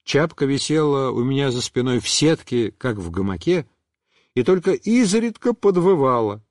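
A man reading a children's story aloud in a first-person voice, with expressive storytelling. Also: medium pitch, moderate pace, no echo, clean studio sound. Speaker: reader.

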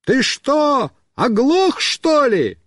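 Man putting on a frantic little boy, high pleading yells, dry close storybook sound. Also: wildly swooping pitch, drawn-out words, dry recording, heavily acted. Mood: panicked shouting. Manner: shouting, pleading. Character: panicky young boy stuck on a runaway ride.

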